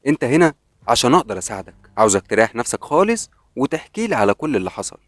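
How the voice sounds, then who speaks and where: A man with an Egyptian accent voicing a calm, patient male psychiatrist who coaxes his patient. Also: mid-range voice, rapid-fire, dry recording. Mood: reassuring. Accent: Egyptian Arabic.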